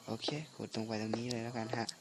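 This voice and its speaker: A man doing casual gameplay commentary in a halting, muttering way, his voice phlegmy from recovering from flu. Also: lowish voice, monotone, creaky, very noisy. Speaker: gaming channel host.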